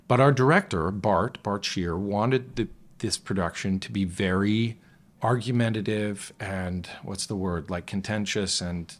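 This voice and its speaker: A man's voice: on the low side, measured pace. A man, a musical theatre actor, talking as a guest in a casual conversation, reflective and rambling, often restarting his sentences.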